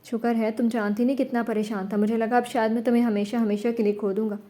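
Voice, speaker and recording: A woman voicing a gentle young man who coaxes the girl he loves over the phone. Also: on the high side, level tone, close to an everyday voice. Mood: tender. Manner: gentle, coaxing. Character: tender young man, devoted lover.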